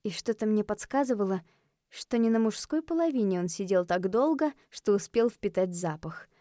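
A woman reading a first-person audiobook, lively and expressive, voicing the heroine's outbursts with heat. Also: mid-range voice, moderate pace, no echo, studio quality. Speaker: audiobook narrator.

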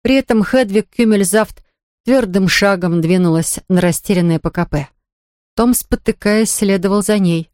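A woman narrating a children's story aloud in a lively, expressive reading. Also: mid-range voice, moderate pace, dry recording, studio quality. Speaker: audiobook reader.

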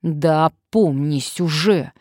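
A woman's voice: fairly low pitch, moderate pace, a little mellow, no room sound, clean studio sound, close to an everyday voice. A woman reading an audiobook, voicing a pushy woman sleuth who barks orders in a commanding tone. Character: determined, bossy woman sleuth, middle-aged.

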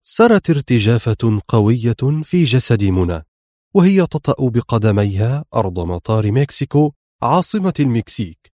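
A man narrating a spy novel audiobook in a measured, dramatic reading. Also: medium pitch, sing-song, dark tone, no echo. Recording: dry close recording.

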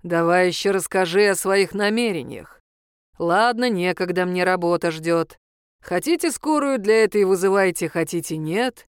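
A woman voicing a gruff, mocking male reaper who speaks curtly and drily. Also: fairly low pitch, moderate pace, no room sound, natural voice. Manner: dry, sarcastic, curt. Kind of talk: audiobook character voice.

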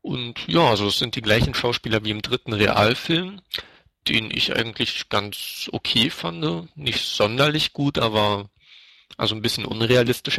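Male podcast co-host, gravelly voice, easygoing, dry recording. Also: mid-range voice, sharp tone, no room sound. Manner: easygoing, hedging, many fillers. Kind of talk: casual fan podcast chat.

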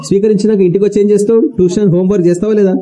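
Preacher man with a very dark voice. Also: high voice, flat delivery, very fast, low-quality recording. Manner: rhetorical questions to the congregation; repeats key words for emphasis. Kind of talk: sermon.

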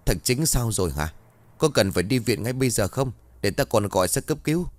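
A man voicing a gruff older clan elder who scolds and grumbles at his family. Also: mid-range voice, lively intonation, brisk, dry recording, natural voice. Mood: alarmed.

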